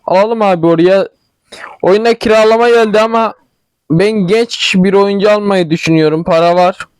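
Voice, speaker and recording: High-voiced young man with regional Turkish dialect. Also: moderate pace, smooth, no echo. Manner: chatty, thinking aloud, stumbles over words. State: tickly throat, clearing it. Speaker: gaming channel host. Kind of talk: casual game commentary.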